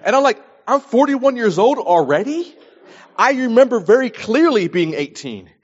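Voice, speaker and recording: A man in his early forties preaches a sermon of scripture readings and plain advice, his very high voice sing-song and slightly rough at a normal speed. He speaks emphatically, repeating phrases to drive points home, and the recording is dull and lo-fi.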